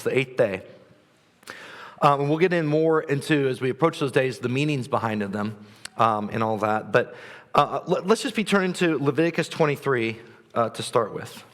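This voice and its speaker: Guy preaching, chatty and excited, lots of ums, echoey church hall. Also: medium pitch. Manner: excitable, joking, with fillers and restarts. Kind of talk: casual conversational sermon. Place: church sanctuary. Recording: long hall reverb in a church.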